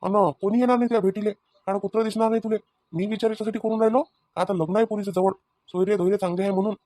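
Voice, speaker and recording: A man's voice: high voice, steady tone, very fast, mellow, no room sound, studio quality, lightly acted. Man voicing an exasperated village husband. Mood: fed-up. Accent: Vidarbha Marathi. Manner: arguing, threatening. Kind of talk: cartoon family comedy.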